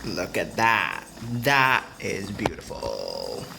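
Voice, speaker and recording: Cooking in his small apartment, a young Hong Kong vlogger chats playfully in a low, gravelly voice that swings hugely in pitch as he speaks slowly. The echoey recording has music and a noisy background behind him.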